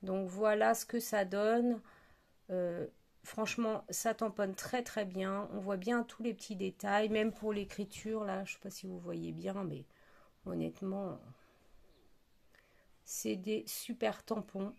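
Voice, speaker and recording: A woman casually walks through craft supplies she received, talking in a chatty, hesitant way full of pauses and fillers. Her delivery is unhurried and slow. Her voice has a gravelly, creaky texture. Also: mid-range voice, steady tone, darkish tone. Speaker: craft product reviewer. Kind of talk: casual product presentation.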